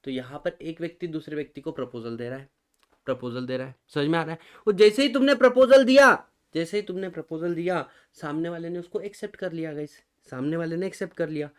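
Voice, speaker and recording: An Indian-accented law lecturer with a slightly high, somewhat mellow voice moves at a quick pace in a clean-toned recorded exam-prep lecture. He mixes Hindi and English, calls his students "guys," and keeps posing rhetorical questions that he answers himself.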